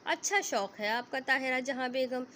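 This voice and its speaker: A woman voicing a sardonic older patriarch who speaks slowly and sneers. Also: high-pitched, pushed and bright, a little hiss or hum. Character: silent, sardonic old patriarch.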